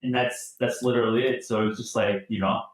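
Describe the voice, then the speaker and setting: A man in his thirties who grew up in France, chatting as a podcast guest in a relaxed, rambling way. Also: mid-range voice, quick pace, a little hiss or hum. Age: 30s. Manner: relaxed, rambling with many restarts. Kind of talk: casual interview chat. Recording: very echoey room.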